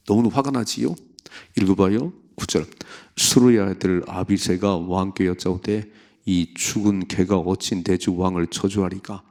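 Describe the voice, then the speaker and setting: A male Korean pastor preaching at a dawn prayer service, with a low voice and a gravelly edge. He reads scripture aloud and then breaks into lively retellings, acting out the voices in the story. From South Korea. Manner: animated, acts out the story's voices. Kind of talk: early morning prayer sermon.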